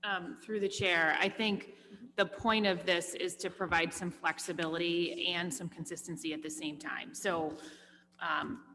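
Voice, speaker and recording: Woman, lowish voice, measured, formal committee speech, long reverb, faint hum. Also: steady tone, sharp tone. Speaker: school committee member. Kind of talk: meeting discussion.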